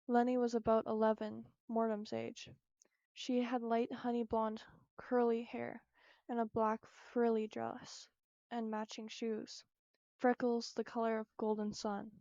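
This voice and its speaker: Woman reading her story in a flat voice. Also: fairly high pitch, unhurried, dry recording, muffled recording.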